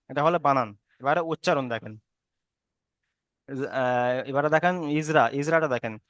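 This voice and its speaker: A man's voice: on the high side, a bit bright, clear, resonant tone, no room sound, muffled recording. A man teaching an online Arabic reading lesson with a Bengali accent, patiently spelling out letters and correcting students.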